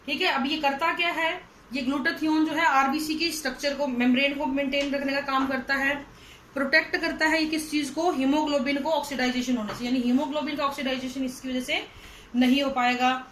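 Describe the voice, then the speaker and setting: A high-pitched woman explains a science lesson step by step, fondly calling her students 'beta'. Her voice rings in an echoey room over a faint steady hum. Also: a little fast. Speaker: teacher. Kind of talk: whiteboard lecture.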